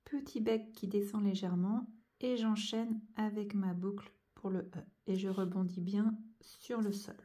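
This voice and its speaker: A woman's voice: medium pitch, fairly even intonation, a little slow, warm tone. A woman teaching young children to join cursive letters, going over each stroke and sound patiently, one step at a time. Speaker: handwriting teacher.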